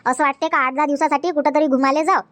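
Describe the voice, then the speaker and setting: High and a bit bright, with a steady tone and quick pace, a woman voices a nagging young newlywed wife for a Marathi comedy cartoon dub. The character pleads, repeats herself and talks in a rush, recorded without any room sound.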